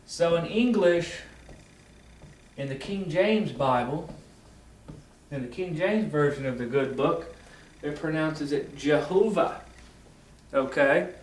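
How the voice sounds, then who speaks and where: A man with a somewhat high voice gives a casual lecture on esoteric ideas. He speaks slowly, wanders off topic and corrects himself as he goes. He sits at a distance from the mic in a roomy, echoey space. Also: lively intonation. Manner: rambling, self-correcting, filler-heavy. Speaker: esoteric teacher.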